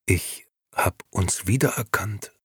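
A man reading the part of an old street sweeper who speaks slowly and pauses to think. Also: on the low side, a bit bright, breathy edge, dry recording, clean studio sound, full character voice. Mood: thoughtful. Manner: slow, pondering, pausing. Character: old male street sweeper, slow, thoughtful. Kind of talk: audiobook reading.

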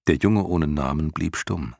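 A man reading a storybook aloud in slow, deliberate scripted narration. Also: very deep voice, gravelly, darkish tone, no room sound, studio quality. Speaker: audiobook narrator.

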